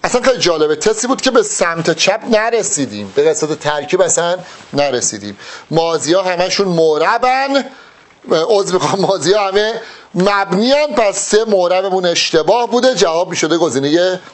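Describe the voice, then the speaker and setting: Here a man tutors students for an exam as an Arabic teacher, solving test questions with them. His voice is fairly high, and he tackles each answer option with animated emphasis while addressing the learners head-on.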